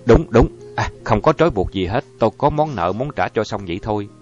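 A man reading an audiobook voices a cool, persuasive young crime boss who speaks calmly. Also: fairly low pitch, fairly quick, lightly acted. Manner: calm, smooth talker. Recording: dull lo-fi audio, faint music.

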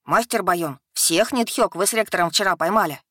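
A woman voicing a talkative, restless young male dragon student who speaks loudly and excitedly. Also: fairly low pitch, brisk, dry recording, clean studio sound. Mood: pushy.

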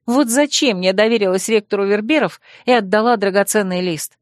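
A woman's voice: mid-range voice, fairly quick, no echo, clean studio sound. A woman narrating an audiobook in the first person, reading expressively.

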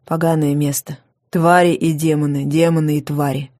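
A woman's voice: low voice, little pitch movement, normal speed, mellow, voice pushed down, natural voice. A woman reading an audiobook and voicing a grown man with a dry, clipped, methodical way of speaking. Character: terse, aloof grown man of noble house.

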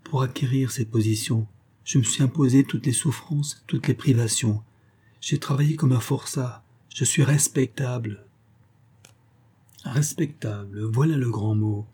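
A man's voice: medium pitch, measured pace, warm tone, breathy edge. A man voicing a brooding, guilt-ridden male pastor who hides a terrible past. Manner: tense, brooding.

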